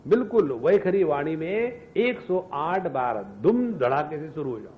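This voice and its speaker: A man giving a scripture discourse as a spiritual teacher, animated, asking rhetorical questions and chanting mantras. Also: fairly high pitch, measured pace, narrow, tinny audio.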